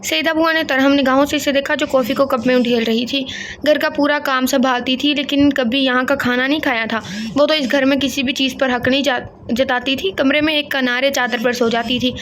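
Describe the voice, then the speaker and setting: High-voiced woman reading an audio novel. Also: fairly quick, slight background noise. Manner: steady, with small slips and restarts. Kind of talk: reading a romance novel aloud.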